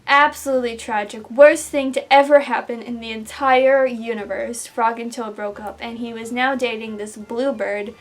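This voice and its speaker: A woman's voice: a little high, fairly even intonation, moderate pace, hardly any pauses. A young adult woman with a sore throat, casually recounting dreams in a loose, self-interrupting way as a vlogger. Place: small room at home, indoors.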